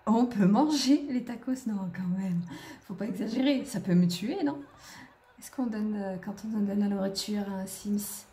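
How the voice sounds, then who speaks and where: A woman's voice: mid-range voice, normal speed, dark tone. A woman giving casual let's-play commentary, chatting to the characters on screen as she plays. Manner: chatty, talks to the game characters. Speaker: gaming video creator.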